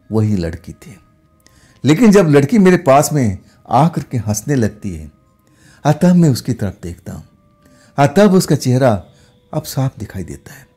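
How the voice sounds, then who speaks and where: A man telling a first-person ghost story in a dramatic, suspenseful way, often dropping to hushed tones. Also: medium pitch, breathy edge. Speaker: horror storyteller.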